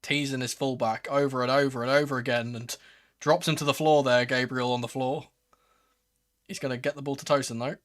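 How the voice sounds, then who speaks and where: A man's voice: medium pitch, a little fast. Man doing live football watchalong commentary. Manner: excitable, swearing, shifting from murmured play-by-play to raised exclamations. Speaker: host of a football watchalong stream. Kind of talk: live football commentary with casual fan reactions.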